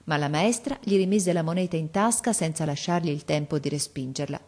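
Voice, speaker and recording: A woman reading a classic story aloud in measured, expressive audiobook narration. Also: deep voice.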